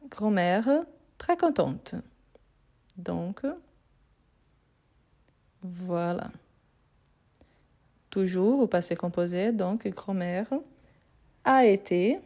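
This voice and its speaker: A woman with a warm, mid-range voice teaches French grammar in a live online lesson, recorded on her phone. She patiently repeats answers and praises her students.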